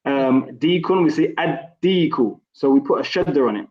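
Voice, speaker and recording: A man's voice: medium pitch, fairly quick. A man teaching an online Arabic class, patient and encouraging, explaining pronunciation step by step. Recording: echoey room, slightly dull sound.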